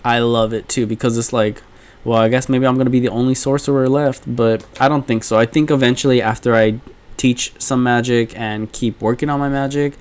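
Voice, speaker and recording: A man hosting his own talk show, speaking casually and rambling, with quoted threats that drop into low, intense mutters. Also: fairly even intonation, fairly quick, darkish tone, smooth. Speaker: podcast host.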